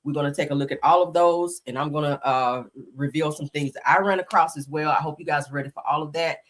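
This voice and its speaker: A woman with a deep voice talks quickly as she hosts a casual live stream, sniffling from a slight cold. She's chatty and easygoing, greeting her viewers often and saying "y'all" as she talks with them.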